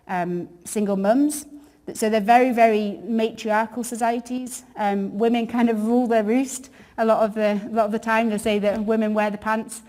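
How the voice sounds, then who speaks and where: A woman's voice: medium pitch, darkish tone. A woman women's worker presenting informally, explaining things in a hesitant, conversational way.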